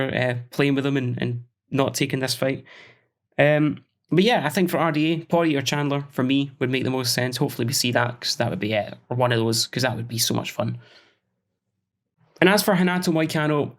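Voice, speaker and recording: A man hosting a solo podcast, thinking aloud with many fillers and self-corrections as he talks through fight matchups. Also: mid-range voice. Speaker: podcast host.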